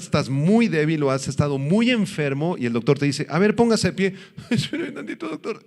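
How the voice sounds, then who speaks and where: A pastor delivering a sermon, teaching in an animated way and slowing down to stress his points. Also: fairly high pitch, long reverb tail. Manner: animated preaching, acts out quoted voices, slows for emphasis.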